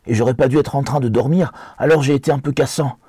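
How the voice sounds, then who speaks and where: An earnest, plain-spoken young hobbit talks in a slightly raised, homely voice, played by a man reading the book aloud. The tone is husky and the recording dry and close. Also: mid-range voice, fast, warm tone, no echo, voice pushed up, lightly acted. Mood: apologetic. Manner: earnest, apologetic, homely speech.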